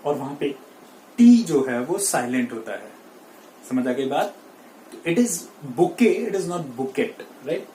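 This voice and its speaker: Slow, drilling Indian male English teacher. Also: a little high, dark tone. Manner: drills words slowly, asks listeners to repeat. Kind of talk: classroom lesson at a board. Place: classroom with a board. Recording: echoey room, faint noise.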